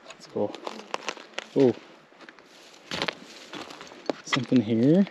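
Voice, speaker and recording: A man filming himself as he hikes outdoors, out of breath and exclaiming excitedly on a handheld camera mic. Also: mid-range voice, a little slow, lo-fi sound, noisy background. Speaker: vlogger exploring ruins. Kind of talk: excited on-the-spot hiking commentary. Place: outdoors on a hilltop.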